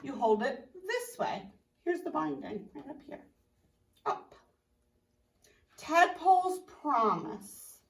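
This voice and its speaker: A woman reads a picture book aloud to children at story time, her high voice rising and falling with expression. She takes an unhurried pace and stops to point out the pictures. The sound is roomy and a little distant from the mic. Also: big pitch swings, creaky.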